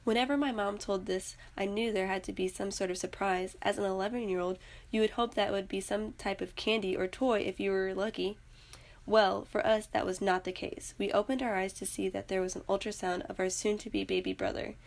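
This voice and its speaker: Brief: young woman narrator, earnest read-aloud, creaky. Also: mid-range voice, steady tone, brisk. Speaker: student narrator. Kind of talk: personal story read aloud.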